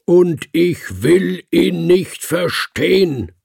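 A man voicing an old male circus ape who despairs and bellows his refusal, with a gravelly, husky voice. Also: lowish voice, takes it slowly, a little mellow, no echo, studio quality, full character voice. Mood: bellowing.

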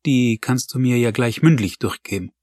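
A man's voice: medium pitch, normal speed, darkish tone, dry recording, close to an everyday voice. Businesslike woman doctor, male narrator voicing her, impatient, dry close mic. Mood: brisk. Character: brisk female doctor on the phone.

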